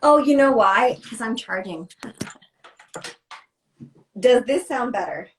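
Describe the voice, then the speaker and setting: A woman's voice: on the high side, animated, slow. A woman co-hosting a live video chat, chatty and laughing, her voice muffled and echoey as if heard through a wall. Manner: chatty, laughs often, self-deprecating. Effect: muffled, echoey sound, as if through a wall. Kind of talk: casual chat. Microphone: device mic on a video call.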